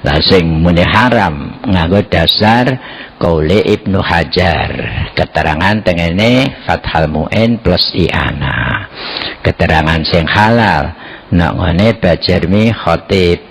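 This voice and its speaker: An older Javanese cleric preaching in an unhurried, folksy sermon. His voice sits very low and has a gravelly fry. There is a husky edge to it, and he drawls along slowly with a Javanese accent. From Central Java, Indonesia. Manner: folksy, mixes Javanese and Indonesian, laughs, chants Arabic phrases. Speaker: Islamic cleric giving a religious talk.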